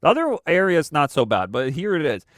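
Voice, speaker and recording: A man hosts his weekly live stream with casual, rambling commentary, full of fillers and restarts, and sounds congested from a cold he's still recovering from. His voice is on the high side with huge pitch swings, he talks fast, and the recording is clean studio sound with no echo.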